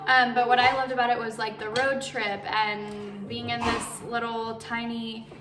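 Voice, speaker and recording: Chatty woman, 20s, higher voice, casual vlog host; roomy sound with clear music behind. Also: level tone, measured pace. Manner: chatty, uses like often. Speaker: vlog host answering viewer questions. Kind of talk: casual chat. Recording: roomy echo, distant mic, music behind. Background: background music.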